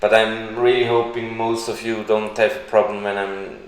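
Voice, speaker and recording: A man who is not a native English speaker, hosting a live stream Q&A and answering viewers in a slow, deliberate, halting way. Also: fairly low pitch, completely flat delivery. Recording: echoey room.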